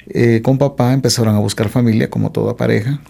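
Gravelly-voiced man telling his life story. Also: mid-range voice, fairly even intonation, quick pace, warm tone. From Mexico. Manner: hesitant, with frequent "eh" fillers and restarts. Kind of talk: testimony in an interview.

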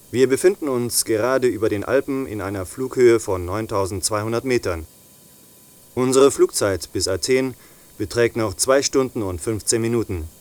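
A man's voice: lowish voice, a little mellow, close to an everyday voice. A man playing an airline captain who makes a formal, courteous scripted announcement to passengers in flight. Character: male airline captain making a cabin announcement. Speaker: voice actor in a listening exam.

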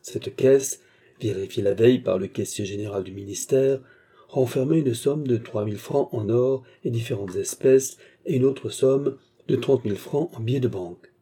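A man's voice: mid-range voice, moderate pace, dark tone, breathy edge, close to an everyday voice. A man voicing a stern older examining magistrate who questions formally and severely, in an audiobook.

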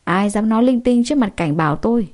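A woman's voice: fairly high pitch, animated, fast talker, darkish tone, close to an everyday voice. A woman reading the part of a drunk, violent brother-in-law who snarls spiteful threats in a storybook drama. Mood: enraged.

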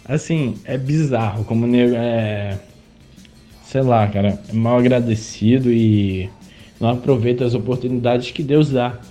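A man's voice: medium pitch, a little slow, mellow, soft background music. A man from Brazil, a podcast host, telling a personal story in a chatty, indignant way. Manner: chatty, indignant, many fillers. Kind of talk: casual storytelling monologue.

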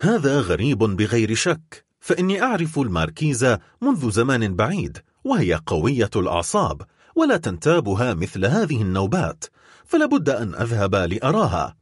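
A man reading an audiobook, voicing a concerned family doctor in a calm, measured way. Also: medium pitch, husky, no echo, clean studio sound.

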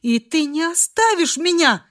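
A woman's voice: extremely high pitch, sing-song, a little slow, a bit bright, pitched above the performer's own voice, heavily acted. A woman voicing a desperate, fierce young heroine who pleads and cries out. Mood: desperate pleading. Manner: pleading, crying out.

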